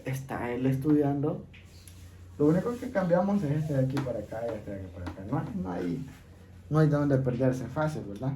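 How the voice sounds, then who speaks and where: A man teaching an English class, explaining each step slowly and patiently and checking in with his students. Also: medium pitch, animated, mellow. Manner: patient, repeats steps, checks in with "¿ok?". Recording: echoey room, faint background noise.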